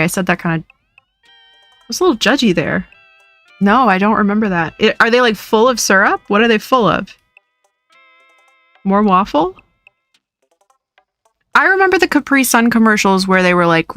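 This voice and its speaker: Woman streamer, playful and giggly, unhurried casual chat, dry sound with soft background music. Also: mid-range voice, dry recording. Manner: giggly and playful, chatting to viewers. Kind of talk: casual live-stream chat while gaming. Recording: dry close mic with faint music.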